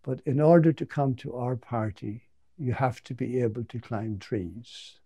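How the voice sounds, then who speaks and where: A man's voice: medium pitch, measured pace, mellow, breathy edge. A man voicing an aloof male squirrel who answers dismissively, as if calling down from a tree.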